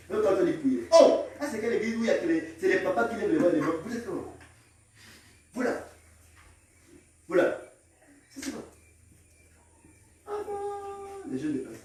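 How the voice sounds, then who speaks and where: Exhorting preacher in an echoing church. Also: male voice, high voice, a little hiss or hum. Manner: exhorting, repeats lines for the crowd to echo, breaks into shouts. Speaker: pastor. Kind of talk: call-and-response sermon. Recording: very echoey hall, mic far off.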